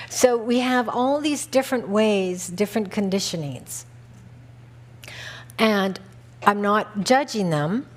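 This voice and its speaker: Gentle conversational woman spiritual teacher. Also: lowish voice. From North America. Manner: gentle and conversational, with soft laughs and easy restarts. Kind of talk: reflective talk at a retreat.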